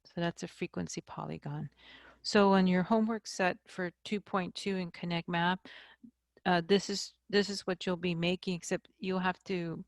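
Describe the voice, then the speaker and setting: A woman math instructor giving a recorded lecture, explaining slowly and checking in with "okay?". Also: lowish voice, fairly even intonation, no echo, studio quality.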